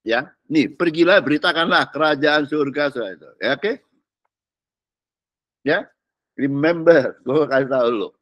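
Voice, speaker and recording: A man's voice: fairly high pitch, moderate pace, long pauses, a bit bright, dry recording, highs cut off. A man preaching a sermon with a Jakarta accent, blunt and joking in street slang, reading scripture aloud between remarks. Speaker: pastor.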